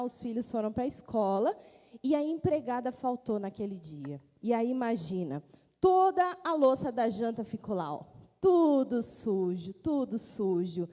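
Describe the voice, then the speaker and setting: A woman, telling an animated story to children as their teacher in a church. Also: high voice. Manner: animated, pointing things out. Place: church hall. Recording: echoey church hall.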